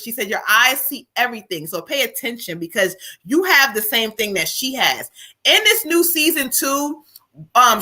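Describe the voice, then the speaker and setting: Woman, medium, live card reading, higher voice, bright tone, colloquial, calls people "child". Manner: relays messages, switching into quoted lines. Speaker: spiritual medium.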